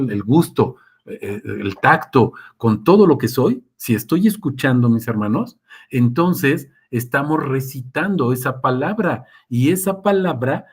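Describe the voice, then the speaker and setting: A man's voice: medium pitch, husky. Man; casual preacher taking questions, acts out quotes. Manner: conversational, asks listeners often, acts out quotes. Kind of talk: sermon with live Q&A.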